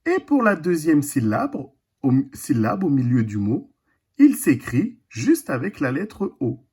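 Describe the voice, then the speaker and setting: Slow, husky-voiced teacher drawing out words. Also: mid-range voice, huge pitch swings, a little mellow. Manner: slow, deliberate, repeats and stretches words. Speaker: primary school teacher. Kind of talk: recorded reading lesson for young children.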